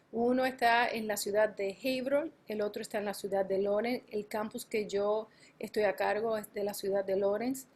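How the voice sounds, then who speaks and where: A woman with a medium-pitched, darkish voice delivers a conference presentation as a college campus administrator on a panel, either remotely or on stage. Her speech is halting, full of fillers and self-corrections.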